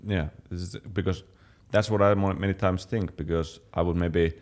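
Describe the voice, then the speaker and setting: A young man from Finland chatting casually as a fitness channel co-host, relaxed, with many fillers and restarts. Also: low-pitched, moderate pace. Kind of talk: casual chat.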